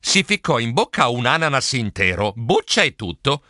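A man narrating a children's storybook in a theatrical way, with sound effects and drawn-out words. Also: medium pitch, big pitch swings, bright, forceful tone, no room sound, studio quality. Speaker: storybook reader.

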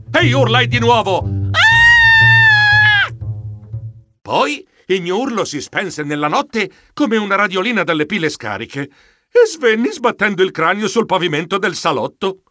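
A man narrating a children's audiobook in the first person, playful and theatrical, with comic shouts and sound effects. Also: on the high side, no echo, clean studio sound.

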